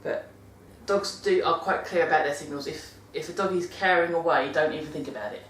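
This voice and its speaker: A woman's voice: deep voice, a little fast, a little hiss or hum. A British woman talking casually about caring for dogs, chatty and rambling, often correcting herself mid-sentence. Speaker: vlogger giving dog-care tips. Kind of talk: casual monthly vlog talk. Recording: roomy sound from a distant mic.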